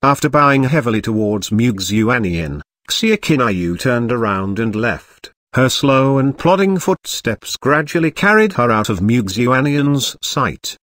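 A man narrating a fantasy audio novel in a steady, even reading voice. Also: mid-range voice, measured pace, few pauses, no echo, clean studio sound. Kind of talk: scripted narration.

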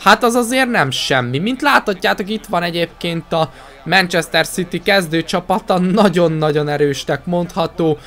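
A man's voice: high-pitched, lively intonation, fairly bright tone. A man with a Hungarian accent hosting a gaming video with casual, chatty commentary.

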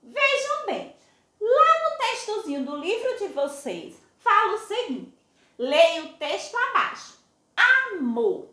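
A Brazilian woman teacher speaks in a high, very lively voice that climbs and falls as she draws out each word for small pupils. Her unhurried, sing-song delivery stays patient and even. The recording is made in a small room with a noticeable echo. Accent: Brazilian Portuguese. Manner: slow, sing-song, drawn-out words for young pupils. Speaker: primary school teacher. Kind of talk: recorded online class for children. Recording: echoey room.

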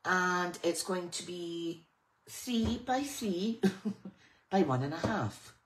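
A woman's voice: on the low side, lively intonation, slow. A woman with whistling s sounds, chatting informally as she hosts a craft tutorial, drifting into small asides. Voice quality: whistling sibilant s sounds when speaking. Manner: informal, rambling, self-interrupting with small asides and sing-song filler. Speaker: host of a live papercraft class. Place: at a craft table indoors. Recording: clearly noisy with clicks.

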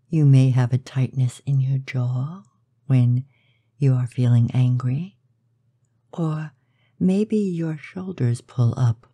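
Reading a scripted guided meditation, a low-voiced woman sounds soothing and measured. Her soft, breathy delivery includes pauses, and the recording has no echo.

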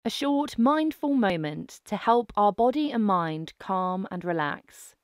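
Woman doing a guided breathing meditation, gentle and slow, really dry close recording. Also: mid-range voice, no echo. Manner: slow, gentle, calming delivery with soft phrasing.

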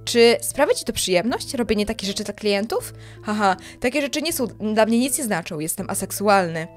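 A woman voicing a suave, businesslike male demon in a game, speaking low, calm and quietly teasing. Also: a little fast, faint music behind, lightly acted.

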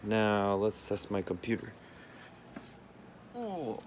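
Behind the camera in a cluttered room of phones and routers, a tech vlogger describes his setup in a low-ish, sing-song voice at a slow pace. There's slight background noise, and his explaining is casual, loose, and filled with fillers.

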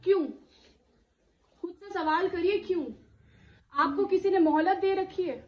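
A woman's voice: extremely high pitch, steady tone, unhurried, roomy sound, lo-fi sound. A woman giving an impassioned religious talk to a live gathering of women, full of rhetorical questions and "isn't it?" asides. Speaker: Islamic speaker addressing a women's gathering.

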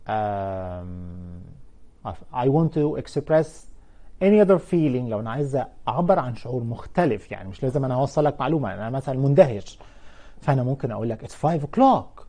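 A man with an Egyptian Arabic accent teaching a televised English lesson, explaining in Arabic and drawing out English example words slowly. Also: mid-range voice, mellow.

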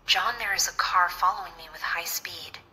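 A woman's voice: lowish voice, moderate pace, pushed and bright, rough recording. A woman voicing a frightened young woman driver. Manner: pleading, panicky questions. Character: frightened young woman driving alone at night.

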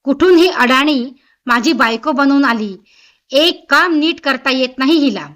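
A harsh young husband barks insults in a bullying way, as a woman narrator reads his lines. Her high voice carries the part in this told story. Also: animated, measured pace, a bit bright. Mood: angry. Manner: barking, insulting.

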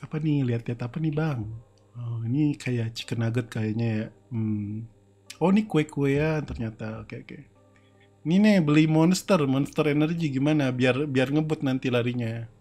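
A man's voice: medium pitch, normal speed, dark tone. A young man doing casual, playful game commentary from home, joking about himself and breaking into screams and laughter. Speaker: streamer.

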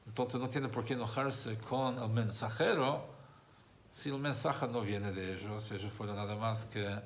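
A man's voice: fairly low pitch, measured pace, a little hiss or hum. A man, a rabbi, teaching a religious text class, who explains by repeating and rephrasing his points and tells a story along the way.

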